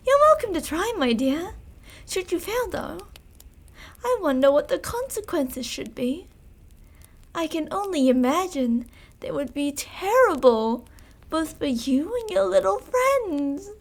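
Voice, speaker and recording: A woman with a voice that sits high performs an ASMR roleplay as a sadistic, possessive, seductive vampire commander. In a dramatic monologue, she taunts theatrically with terms of endearment, sounding amused and mocking.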